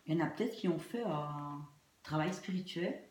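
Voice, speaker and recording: A woman's voice: sits low, normal speed, a little mellow. A woman with a throat infection giving an informal tarot reading to online viewers, hesitant, trailing off and repeating her phrases. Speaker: tarot card reader. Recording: echoey room, faint noise and clicks.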